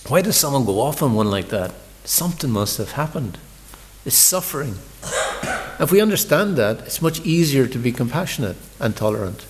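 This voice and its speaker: A man's voice: medium pitch, big pitch swings, moderate pace, big-room sound, background noise. A man giving a morning scripture class, talking in a conversational storytelling sermon, often repeating words as he restarts. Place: large temple hall.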